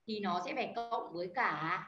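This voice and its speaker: A woman gives an online beginner language lesson by video call, explaining each step and calling students by name. Her mid-range voice has lively intonation at a normal speed, and the audio is echoey, dull, lo-fi, with faint noise.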